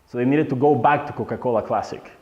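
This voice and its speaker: A man's voice: medium pitch, fast. Man lecturing in a roomy hall. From Venezuela. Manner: loose, non-native phrasing, asks the audience questions. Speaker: workshop speaker. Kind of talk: live workshop lecture. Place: meetup hall. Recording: roomy, muffled hall recording.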